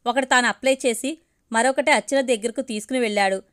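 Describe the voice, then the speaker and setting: Lady reading a story serial aloud, steady measured voice. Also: fairly high pitch.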